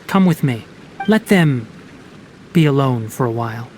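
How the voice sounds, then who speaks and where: An actor voicing a young male forest ranger scholar, brisk, scolding yet caring, lecturing crisply in an anime-style video game. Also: mid-range voice, lively intonation, slight background noise, natural voice. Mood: grave. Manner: crisp, matter-of-fact, lecturing. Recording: soft music behind voice.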